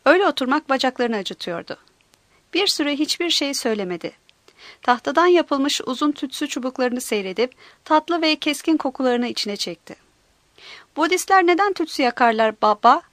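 A woman reading a story aloud as an audiobook narrator, in an even, measured way. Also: high-pitched, no room sound. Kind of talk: scripted narration.

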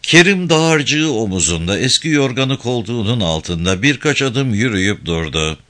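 A man reads a novel aloud at a steady, measured storytelling pace. His voice is bright and forceful, and his pitch sits in the middle for a man. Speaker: narrator. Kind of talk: audiobook narration of a novel.

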